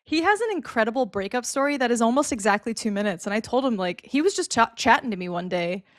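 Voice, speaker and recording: A young woman co-hosting a casual podcast, talking quickly and going off on tangents, with laughs in between. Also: fairly high pitch, animated, no room sound, studio quality. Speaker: co-host.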